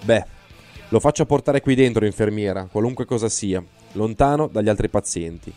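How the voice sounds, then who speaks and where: A man's voice: on the low side, normal speed, warm tone, soft background music, natural voice. A man voicing an irritable, squeamish male hospital doctor in an audiobook reading, snapping out his orders. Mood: disgusted. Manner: snappish, disgusted.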